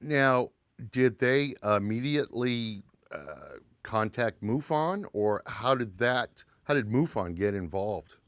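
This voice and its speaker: A man's voice: medium pitch, sing-song, slow pace, no echo. A man hosting a talk show, interviewing a guest and repeating words hesitantly as he frames his questions.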